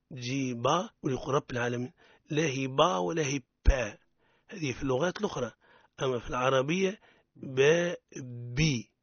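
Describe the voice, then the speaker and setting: A man with a Tunisian Arabic accent teaches Quran recitation on the radio, correcting pronunciation and modelling words for students to repeat. His voice is medium-pitched and husky, and the recording is dry and dull.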